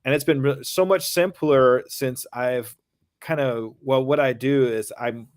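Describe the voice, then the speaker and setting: A man's voice: mid-range voice, a little slow, smooth, no room sound, clean studio sound. A man being interviewed on a podcast, talking in an easygoing, friendly, conversational way. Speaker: podcast guest.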